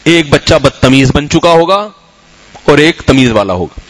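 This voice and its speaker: A man's voice: fairly high pitch, expressive, dry recording, low-quality recording. Storytelling middle-aged male preacher, dry sound. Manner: conversational, anecdotal, asks the audience questions. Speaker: Islamic scholar. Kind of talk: sermon and Q&A talk.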